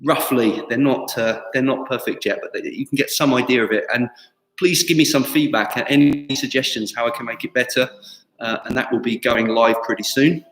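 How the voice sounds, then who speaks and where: A man's voice: medium pitch, a little fast, fairly bright tone. A man in his fifties talking casually and conversationally to online students as an instructor, in an indoor studio. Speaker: tai chi instructor. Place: indoor martial arts studio with wooden floor. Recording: echoey hall, faint background music.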